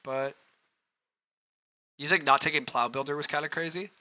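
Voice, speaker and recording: Thinking out loud about his choices and replying to chat, this board-game streamer has a rough, hoarse male voice and clears his throat as he goes. He speaks at a normal speed, fairly high in pitch, with a sharp tone.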